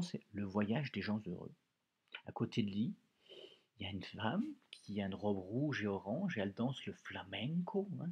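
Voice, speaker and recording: A man's voice: lowish voice, fairly bright tone, breathy edge, dull audio. A male teacher leading a reading lesson for pupils, explaining words patiently and repeating phrases.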